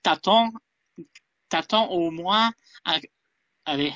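A man being interviewed over a video call, talking hesitantly with frequent pauses. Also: high voice, a bit bright, dry recording, studio quality. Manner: hesitant, many fillers and restarts. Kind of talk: casual interview.

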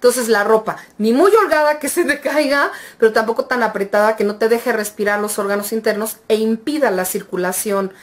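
A woman's voice: fairly high pitch, brisk, few pauses. A woman vlogger giving casual, reassuring advice, speaking straight to her viewers in an affectionate way. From Mexico. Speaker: vlogger and tarot reader.

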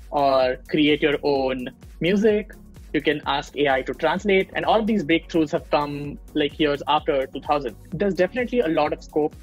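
On a casual video-call interview, a young Indian machine learning engineer talks about his field with many fillers and restarts, using earbuds in a small room at home. His voice is a little high, and the recording is rough.

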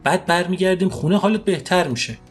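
A man voicing a patient male record label boss who calmly reassures a distressed singer. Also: high voice, soft background music, pitched above the performer's own voice, close to an everyday voice. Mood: soothing. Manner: soothing, reassuring.

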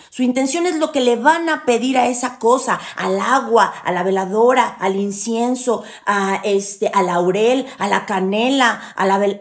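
A woman with a Mexican accent teaching a ritual in a loud, boisterous, chatty way, full of teasing slang and endearments. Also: a little high. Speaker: witchcraft teacher. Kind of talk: casual spoken tutorial.

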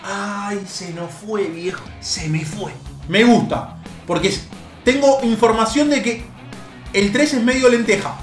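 A young man with an Argentine accent giving excitable gameplay commentary as a video game coach, cheering his players on with bursts of shouting. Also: sits high, unhurried. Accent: Argentine Spanish. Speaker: gaming YouTuber. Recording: roomy home setup with faint background music.

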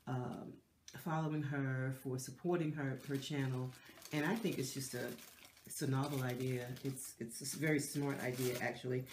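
In a decorated living room, a middle-aged lifestyle host with an extremely low voice talks casually to camera, the recording roomy with a little hiss or hum. She has a stuffy, nasal cold voice, and her chatty, warm manner includes lots of fillers and restarts.

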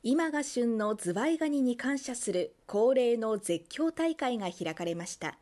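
A woman's voice: on the high side, expressive, normal speed, mellow. A young woman presenting scripted news narration as a television news presenter. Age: young adult.

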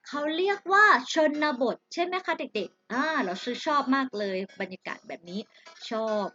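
A woman's voice: sits high, bright, forceful tone, dull audio. A woman teaching Chinese vocabulary to children. She speaks patiently, draws out each syllable and addresses the kids directly. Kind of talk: slow vocabulary lesson with repeat-after-me drills.

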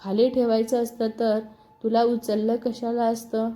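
A woman's voice: on the high side, level tone, measured pace, dark tone, close to an everyday voice. A woman reading a storybook, voicing an insistent, teasing young husband who keeps pressing firm questions.

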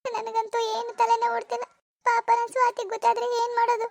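A woman's voice: very high-pitched, racing, very noisy. A woman voicing a grieving, defensive mother-in-law in a cartoon. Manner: wailing laments, then stern rebukes. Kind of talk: animated cartoon voice acting.

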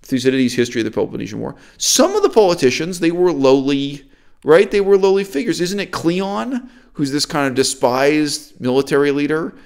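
A middle-aged man from Canada, hosting an opinionated discussion in an animated, emphatic and critical way. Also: on the high side, fairly quick, creaky, smooth. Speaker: host.

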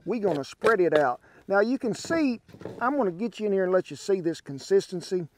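A man in his sixties with a Southern Oklahoma drawl hosts a folksy outdoor camp cooking demonstration at a windy ranch camp by a pond, wearing a wireless lapel mic. His voice is high-pitched and brisk with lively intonation, and there's slight background noise.

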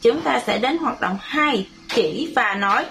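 A woman with a Vietnamese accent, a primary school English teacher, leading a bilingual children's lesson with slow, clear repeat-after-me drills. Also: fairly high pitch, animated, a bit bright, faint music behind.

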